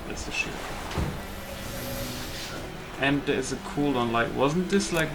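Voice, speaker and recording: Over loud background music, a gaming host with a somewhat high voice offers casual let's play commentary. He thinks aloud in a hesitant way, and background noise is present.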